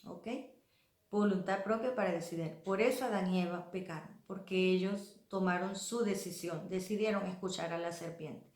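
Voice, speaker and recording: A woman's voice: fairly low pitch, normal speed, darkish tone. Earnest woman preaching in an echoey hall. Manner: earnest, pleading, acts out quoted voices. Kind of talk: sermon. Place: church hall.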